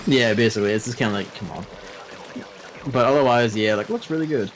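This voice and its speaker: A man's voice: mid-range voice, animated, brisk, a little hiss or hum. A man co-hosting a casual gaming chat, rambling and sarcastic, swearing often as he plays. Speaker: co-host. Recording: game music playing behind.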